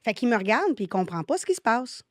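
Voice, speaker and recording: A woman with a Québécois accent tells animated stories and acts out the dialogue in casual podcast talk. Her voice sits a touch high. The sound is dry and close-miked. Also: fast, dry recording. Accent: Québécois French. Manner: lively, animated anecdote telling with quoted dialogue. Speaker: guest, synergologist.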